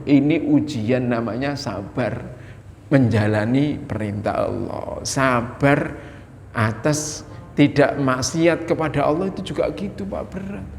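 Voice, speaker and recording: A man preaching a folksy, animated sermon in a mosque, speaking directly to the congregation. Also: medium pitch, slight background noise. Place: mosque hall. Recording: long echo of a mosque hall.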